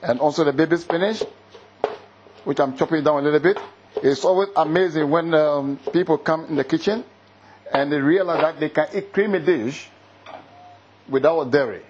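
Ghanaian guy chatting about cooking, halting, lots of ums, slightly higher voice, faint hiss behind. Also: lo-fi sound. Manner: hesitant, many fillers and restarts. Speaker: chef. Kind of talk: casual interview and cooking demo.

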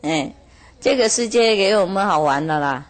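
A woman's voice: mid-range voice, animated, moderate pace. A woman telling a moral parable in a chatty way, laughing often and drawing out her filler words.

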